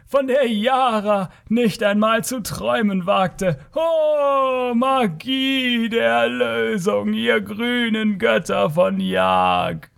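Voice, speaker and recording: A man performs an ancient, blind, tortured alien creature in a story, pushing his voice high above his natural register into a creaky, heavily acted sound. The character is gentle and sorrowful, delivering lines in a halting, lamenting way.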